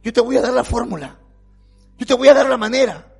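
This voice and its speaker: A man voicing God, speaking softly and reassuringly. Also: animated, a little fast, gravelly, soft background music, full character voice. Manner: soft, lower and reassuring. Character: calm reassuring male God.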